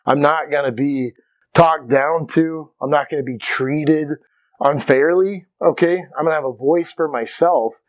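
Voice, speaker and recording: A man teaching self-defense to camera in a casual but emphatic way, often checking in with "okay". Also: fairly high pitch. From Irish. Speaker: martial arts instructor. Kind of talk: instructional talk to camera.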